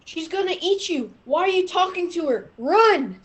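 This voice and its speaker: Woman acting alarmed onlooker, extremely high voice, urgent, scolding, exasperated, comic stage play. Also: animated, normal speed. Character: exasperated, alarmed onlooker shouting warnings at fools.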